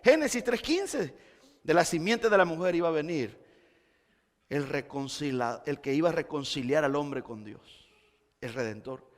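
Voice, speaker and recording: A man preaching a sermon, moving from quiet explanation to loud, impassioned exclamations. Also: a little high, animated, normal speed. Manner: impassioned, swings between quiet and shouting. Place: church sanctuary. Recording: church hall reverb.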